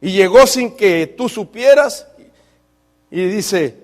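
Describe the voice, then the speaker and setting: Pastor guy preaching, super high voice, keeps saying brother, long church echo. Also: animated, takes it slowly. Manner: fervent storytelling preacher, keeps calling listeners "brother". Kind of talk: sermon. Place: church sanctuary. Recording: long reverb of a church hall.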